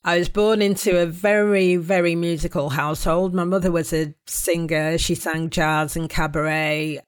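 A woman's voice: lowish voice, steady tone, moderate pace, clear, resonant tone. A middle-aged woman with a Manchester accent telling her story as an interview guest, chatty and laughing often. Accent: Mancunian. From Manchester, England.

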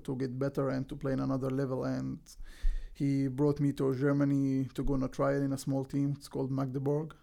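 Egyptian-accented young pro athlete, flat, gravelly delivery, earnest and simple interview answers. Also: male voice, mid-range voice. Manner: plain, earnest, simple non-native phrasing with restarts. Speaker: guest, professional soccer defender.

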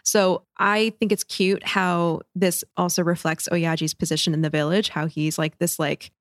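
A woman with a fairly low voice co-hosts a podcast, recapping episode events in a clear, friendly storytelling way between casual chat. Her voice sounds dry and close to the mic. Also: little pitch movement, moderate pace, no room sound. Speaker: podcast co-host.

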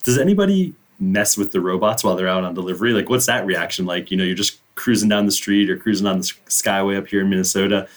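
A man's voice: deep voice, fast talker, hardly any pauses. A man co-hosting an interview, asking questions in a loose, chatty way full of "like" fillers. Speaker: co-host. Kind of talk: casual interviewing.

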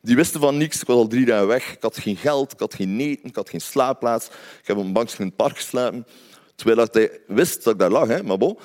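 Brief: Flemish man, personal storyteller, lively up-and-down voice, chatty tone. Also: mid-range voice, fairly quick. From Belgium. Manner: conversational, often adds tag questions.

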